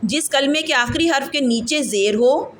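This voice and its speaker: A woman with a Pakistani Urdu accent teaching Quran reading, drilling letters slowly and patiently asking her students to repeat after her. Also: high-pitched, slight background noise.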